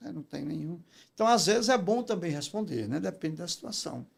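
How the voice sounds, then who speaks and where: Speaking fairly quickly in an animated, gravelly voice on the high side, a Brazilian man appears as a guest in an interview. A public speaking teacher, he tells stories conversationally with emphatic, didactic energy and frequently checks for agreement.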